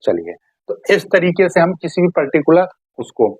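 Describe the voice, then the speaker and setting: A woman teaching math in a classroom style, asking questions and answering them herself, often checking whether listeners follow, and stretching out key terms slowly. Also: on the low side, very animated, darkish tone, husky, no echo, poor audio.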